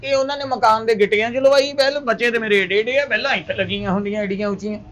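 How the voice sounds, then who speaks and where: Punjabi guy yelling at the shopkeeper nonstop, high voice, talks real fast. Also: steady tone, a little hiss or hum. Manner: loud, hectoring, threatening. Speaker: angry customer demanding money. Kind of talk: village comedy sketch.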